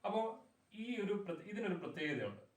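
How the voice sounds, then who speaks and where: A man's voice: high voice, sing-song, a little fast, recorded from a distance. A man teaching grammar in Malayalam. He speaks, patiently repeats word forms and keeps checking that the class follows. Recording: echoey room, voice from afar.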